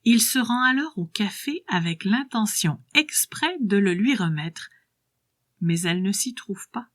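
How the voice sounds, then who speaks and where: Hushed woman reading a story. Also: medium pitch, expressive, unhurried, no echo, clean studio sound. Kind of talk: scripted story narration.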